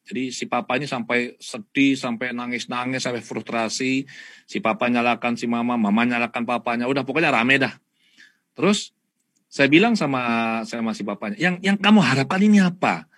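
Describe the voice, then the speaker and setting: A man's voice: medium pitch, moderate pace, no room sound, studio quality. A man speaking in an online talk show, telling a client story and acting out both sides of the conversation. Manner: animated, acts out both sides of a dialogue. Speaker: guest speaker, therapist.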